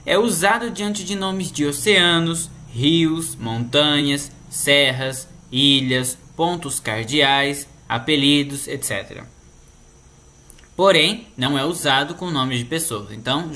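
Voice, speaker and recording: A Brazilian Portuguese-accented man teaches a grammar lesson in a patient, explanatory way. His voice sits a little high and sounds bright and forceful. He keeps checking in with short tag questions. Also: takes it slowly. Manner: patient, explanatory, tags sentences with "né?". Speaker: Spanish teacher.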